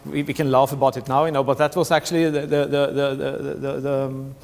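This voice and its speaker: A middle-aged Swedish man with a Swedish accent gives a conference presentation in a large hall, his voice carrying a long reverb. He speaks a little fast in a level, medium-pitched, gravelly and darkish tone, restarting phrases, repeating words and often saying "you know."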